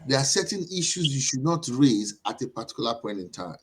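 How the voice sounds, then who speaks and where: Medium-pitched man explaining his views. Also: very animated, a little fast, husky. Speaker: panel discussion participant. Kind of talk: conversational, explaining personal views.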